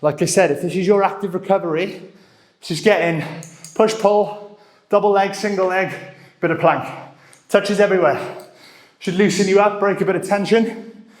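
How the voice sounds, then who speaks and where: A male fitness coach leads a live workout with short encouraging commands and countdowns, getting a little out of breath. His voice is high and steady at a moderate pace with long pauses, recorded with a roomy echo.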